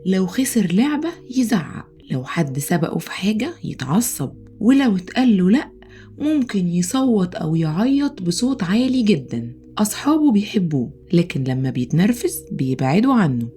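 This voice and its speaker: Expressive Egyptian woman telling a bedtime story. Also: mid-range voice, normal speed. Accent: Egyptian Arabic. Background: soft music.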